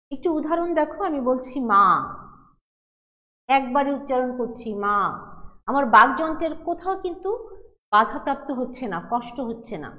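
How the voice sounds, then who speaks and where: A middle-aged woman college teacher giving a patient classroom lecture, explaining step by step and asking questions she then answers. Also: high-pitched. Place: classroom with a board. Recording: long hall reverb.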